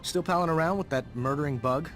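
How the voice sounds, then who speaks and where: An actor playing a brash, familiar young heir with a resentful streak, in a game cutscene. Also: male voice, a little high, quick pace, fairly bright tone, slight background noise, close to an everyday voice. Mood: bitter. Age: young adult. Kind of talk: scripted game cutscene dialogue.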